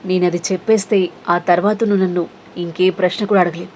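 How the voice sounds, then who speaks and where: A woman voicing a mysterious, calm young man in a spoken romance story, talking quietly and evenly. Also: a little hiss or hum, lightly acted. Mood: calm, teasing. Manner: quiet, low and measured.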